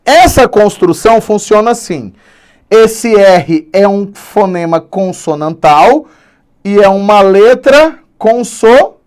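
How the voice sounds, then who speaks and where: With a high, smooth voice, a Brazilian Portuguese teacher leads an online grammar class. He's lively and stretches important words out slowly to emphasize them.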